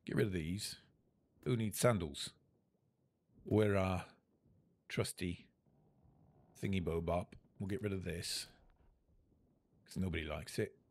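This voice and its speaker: A man's voice: low-pitched, slow, pauses often, darkish tone. A man giving casual commentary while he plays a game, musing aloud to himself. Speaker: game streamer.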